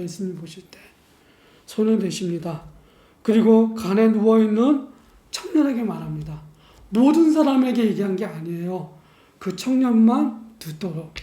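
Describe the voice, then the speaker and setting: A man preaching a sermon as pastor in a church, measured and unhurried, posing rhetorical questions to the congregation. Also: high voice, warm tone. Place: church sanctuary. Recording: echoey church room.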